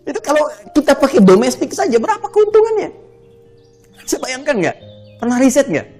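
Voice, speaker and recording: Brief: animated male preacher from Indonesia, rhetorical and playful, sermon recording with faint music. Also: very high voice, normal speed. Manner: animated, rhetorical questions, playful mimicry of foreign speech. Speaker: Islamic preacher. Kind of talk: lively sermon to an audience.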